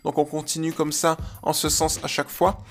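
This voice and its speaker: A man's voice: a little high, flat delivery, moderate pace, faint music behind. A man hosting a dog-training podcast in a chatty, enthusiastic monologue full of fillers.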